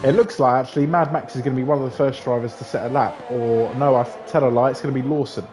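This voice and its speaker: London man, mellow banter. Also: mid-range voice, steady tone, quick pace, faint music behind. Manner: chatty, jokey banter with co-host. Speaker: race commentator. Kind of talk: live sim-racing commentary.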